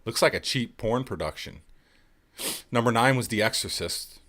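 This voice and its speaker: A man's voice: medium pitch, moderate pace, a bit bright. A man in his thirties hosting a casual live podcast, sarcastic and joking, swearing freely. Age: 30s. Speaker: podcast host.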